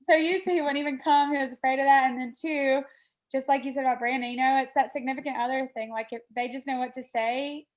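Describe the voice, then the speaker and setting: A woman co-hosting an interview show, talking casually with quick asides. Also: sits high, fairly even intonation. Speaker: co-host.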